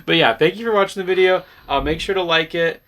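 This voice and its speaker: A man's voice: high-pitched, quick pace, fairly bright tone. A man co-hosting a collector video in casual chat, rambling and joking, often trailing off. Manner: rambling, jokey, trails off with "I don't know". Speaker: collector channel co-host.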